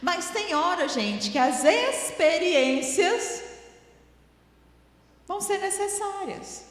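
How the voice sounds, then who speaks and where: High-voiced woman in an echoey hall. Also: expressive, slow. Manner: chatty, laughing, tells home stories. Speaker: parenting talk speaker.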